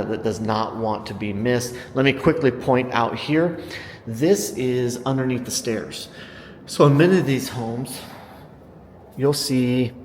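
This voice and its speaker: American man, enthusiastic realtor, mid-pitched voice, casual house-tour narration with salesy emphasis on features. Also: slight background noise. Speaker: real estate agent giving a home tour. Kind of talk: casual walk-through tour narration to viewers. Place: inside a house, walking room to room.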